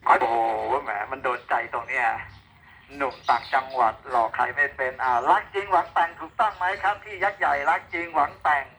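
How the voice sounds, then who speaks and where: A man's voice: mid-range voice, expressive, a little fast, sharp tone, low-quality recording. A man chatting casually and playfully over a walkie-talkie, like a radio operator teasing his friends on air. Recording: two-way radio with faint noise.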